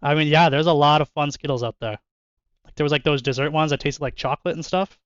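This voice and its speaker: A man's voice: on the high side, fast, clear, resonant tone, dry recording, dull audio. A young man chatting casually and joking with viewers while opening card packs in his bedroom, laughing often. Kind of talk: casual chat with live chat. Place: bedroom at home.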